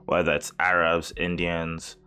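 A man with a deep voice and a bright, forceful edge chats casually on a podcast. He rambles and leans on fillers as he talks, with faint music underneath. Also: completely flat delivery, unhurried, smooth. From Kenya. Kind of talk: casual chat.

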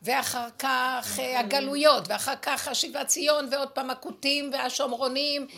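A woman's voice: high-pitched, fairly even intonation, gravelly, bright, forceful tone. A woman sharing spiritual experiences with a small group, impassioned and exasperated, often repeating her words. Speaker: group sharer.

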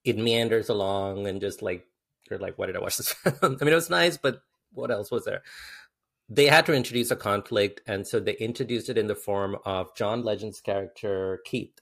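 A man's voice: on the low side, moderate pace, vocal fry, fairly bright tone. A man talking casually in a film discussion, explaining his view and quoting dialogue in his own voice.

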